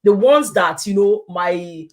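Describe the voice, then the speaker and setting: A woman's voice: mid-range voice, expressive, takes it slowly, a little mellow. A woman guest in a casual interview, telling her story and acting out the people she quotes.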